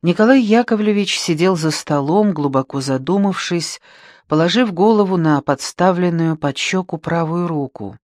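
A man narrating a novel in a calm, measured way. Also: a little high, dry recording, clean studio sound. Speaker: audiobook narrator. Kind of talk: scripted literary narration.

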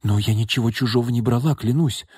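A man's voice: fast talker, darkish tone, slightly rough, dry recording, studio quality, close to an everyday voice. A man voicing a young female maid who pleads tearfully and protests her innocence, in a read-aloud audiobook. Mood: pleading, tearful. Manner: shrill, pleading.

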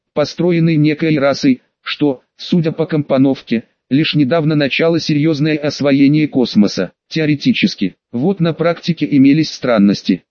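Male audiobook narrator, steady even read, slightly dull lo-fi sound. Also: on the high side, dry recording. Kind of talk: scripted narration.

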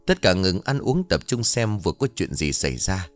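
A man narrating an audio story in an expressive scripted reading. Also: low-pitched, moderate pace, soft background music.

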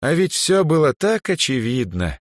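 A man's voice: on the high side, sing-song, normal speed, no echo, studio quality, pitched above the performer's own voice. A man voicing an aging male archmage who sighs, lectures and sometimes snaps in anger. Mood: wry. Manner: sighing, lecturing, flares into anger. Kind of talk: audiobook character voice.

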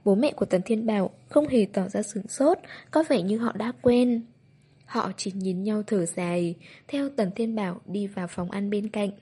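A woman narrating a novel as an audiobook in a steady, even reading voice. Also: medium pitch, normal speed, slightly rough.

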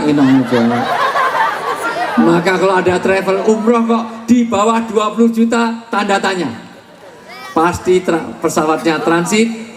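A man's voice: mid-range voice, darkish tone. A middle-aged man who preaches to a live audience, making jokes and punchlines as he goes. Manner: joking, with punchlines and rhymes. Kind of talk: humorous sermon to a live audience. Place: large hall with audience. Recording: echoey hall, faint crowd noise.

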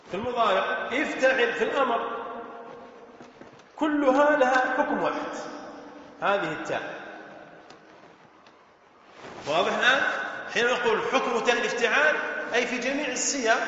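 A man's voice: high voice, bright, forceful tone, slight background noise. A man teaching Arabic morphology to a class, repeating each point, spelling out letters and quizzing his students. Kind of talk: classroom lesson explaining verse. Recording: echoey hall, dull lo-fi.

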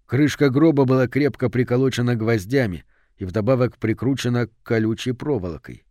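A man narrating an audiobook in a measured, suspenseful way. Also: medium pitch, a little mellow, no echo, clean studio sound.

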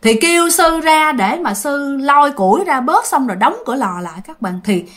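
A woman's voice: sits high, moderate pace. A woman telling a ghost story casually, speaking directly to her listeners. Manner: animated, addresses listeners directly.

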